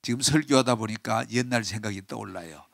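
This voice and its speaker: A man preaching a sermon as pastor, emphatic, with rhetorical questions and sudden drops to a near hush. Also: lowish voice, brisk, gravelly, dry recording, studio quality.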